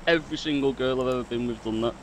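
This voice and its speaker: A man's voice: medium pitch, rapid-fire, recorded from a distance, slight background noise. A man talking with a teammate on voice chat during a game, laid-back and shrugging things off. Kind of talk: casual gaming chat.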